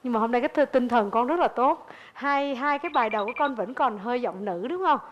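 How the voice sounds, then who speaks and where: A woman's voice: fairly high pitch, fast talker, dull audio. Woman judge giving feedback. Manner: explaining, analytical. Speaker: talent show judge.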